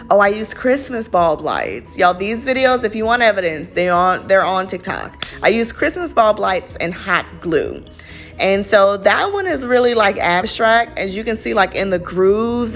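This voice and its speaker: A woman's voice: mid-range voice, a bit bright. Young woman, chatty and rambling, mid-range voice, faint music underneath. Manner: chatty and rambling, lots of fillers. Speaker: craft vlogger. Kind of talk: casual voice-over narration. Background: faint background music.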